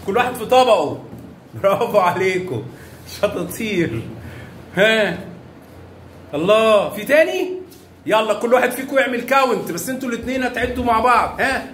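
A man's voice: sits high, a bit bright. A man with an Egyptian Arabic accent teaching math to young children, coaxing them along with lots of praise and pet names. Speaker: primary school math teacher. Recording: echoey room, faint background noise.

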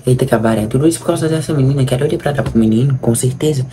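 A man's voice: medium pitch, rapid-fire, background noise. A young man with a Brazilian accent giving casual, exasperated, teasing reaction commentary in colloquial speech. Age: young adult. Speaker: vlog host recapping a soap opera. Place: small room indoors.

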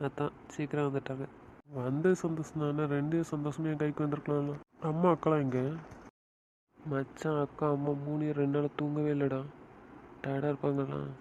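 A man's voice: medium pitch, gravelly, warm tone, slight background noise. A man voicing both friends in an emotional audio drama, talking in a comforting and pleading way.

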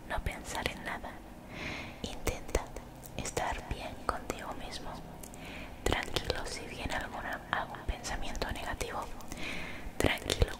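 Young woman whispering close-up ASMR. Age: young adult. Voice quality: breathy unvoiced whisper. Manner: soothing, gently encouraging, repeats phrases. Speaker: ASMR creator. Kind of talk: whispered ASMR personal attention, motivational. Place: small bedroom, indoors. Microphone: desktop condenser mic, very close.

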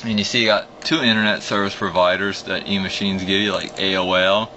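A young man with a deep voice talks briskly through an old computer, rambling, backtracking and explaining as he clicks. The casual screen tour takes place indoors at his home computer desk. Recorded on a phone camera held at the monitor, the audio is muffled with a steady hum.

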